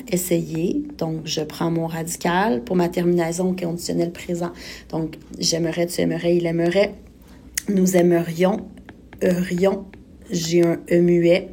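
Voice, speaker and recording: A woman's voice: on the low side, gravelly, mellow, slight background noise. A woman with a Québécois accent teaching a recorded grammar lesson, patiently spelling out letters and verb endings step by step. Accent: Québécois French. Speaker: French teacher.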